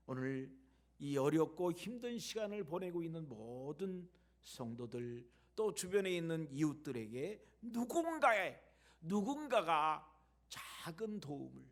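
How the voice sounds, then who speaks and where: A man preaching a sermon as a pastor in a church, telling stories that swing between loud emphasis and hushed near-whispers. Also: on the high side, gravelly.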